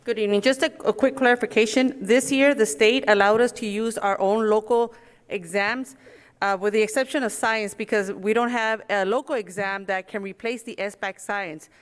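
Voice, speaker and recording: A woman's voice: mid-range voice, steady tone, normal speed, clean tone. A woman speaking as a school district official, giving a formal clarification at a public meeting. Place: large indoor board meeting room. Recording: echoey meeting hall.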